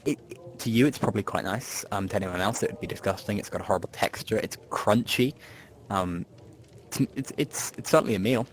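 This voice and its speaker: Low-voiced man running a tabletop game. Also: brisk. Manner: rambling narration with many ums, laughs and restarts. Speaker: game master.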